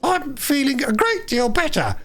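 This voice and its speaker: A man voicing a boastful, reckless male toad disguised as a washerwoman, with a high, feeble put-on voice that swells into loud swaggering boasts. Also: wildly swooping pitch, moderate pace, full character voice.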